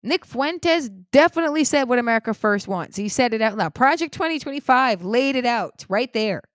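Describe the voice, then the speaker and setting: Heated, high-voiced woman commentator. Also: expressive, fairly quick, no room sound, studio quality. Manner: heated and indignant, swings between loud outbursts and low muttering. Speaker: political commentator. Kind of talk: opinion monologue.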